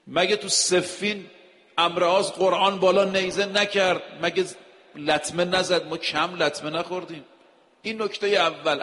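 A man's voice: high voice, a bit bright. A man preaching a sermon, emphatic, asking rhetorical questions and quoting scripture. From Iran. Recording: long hall reverb.

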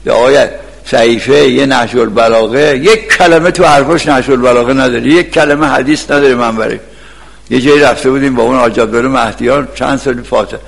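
A man preaching a sermon, telling stories and bursting into loud shouts now and then. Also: medium pitch, creaky. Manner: storytelling with sudden shouted outbursts. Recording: long reverb in a large hall.

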